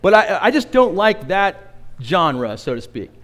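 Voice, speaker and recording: A man's voice: high-pitched, sing-song, a little slow, a bit bright. A middle-aged male pastor preaching a sermon in a conversational, humorous way, often asking the congregation questions.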